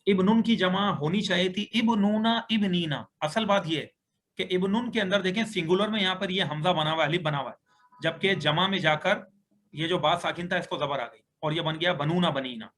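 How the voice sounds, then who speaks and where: A man's voice: on the high side, fairly bright tone. A man teaching an online Arabic grammar lesson on a video call, patiently explaining step by step as he writes. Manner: patient, explains step by step while writing on screen.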